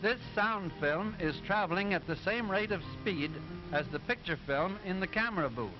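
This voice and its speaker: A patient, instructive cartoon professor from an early talkie narrates an explanation of sound film, teaching pupils about machinery. His high, expressive voice delivers deliberate, didactic, clearly enunciated phrases over a dull, vintage soundtrack with music behind him.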